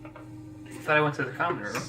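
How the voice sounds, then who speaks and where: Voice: medium pitch, fairly quick, noisy background. A tabletop player answering in short, shy in-character lines. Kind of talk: casual tabletop play.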